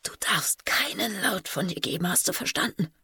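A woman's voice: medium pitch, animated, normal speed, pushed and bright, breathy edge, no room sound, voice pushed up, exaggerated voice. A woman voicing a frightened older sister girl who hisses urgent, pleading orders in a whispered role-play. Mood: terrified.

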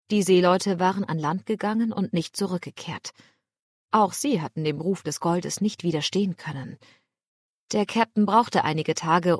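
A woman reading a historical novel aloud as narrator, in an even, measured way. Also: fairly low pitch, no room sound, clean studio sound. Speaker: audiobook narrator. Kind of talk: scripted narration.

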